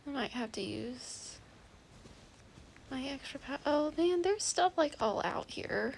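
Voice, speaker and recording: Slow, gravelly-voiced woman streamer. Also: sits high, expressive, slight background noise, rough recording. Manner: slow, musing, talks to chat as y'all. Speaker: game streamer. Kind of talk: casual gameplay commentary. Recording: game music playing behind.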